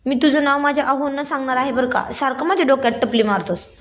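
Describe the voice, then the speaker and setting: A woman's voice: sits high, quick pace, voice pushed up, natural voice. A woman voicing a cheeky, teasing younger sister in a spoken story.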